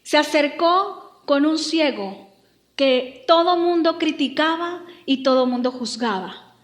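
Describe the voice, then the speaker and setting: A woman pastor preaching a lively, humorous sermon. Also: sits high, slow, reverberant. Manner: lively, humorous, acts out quotes.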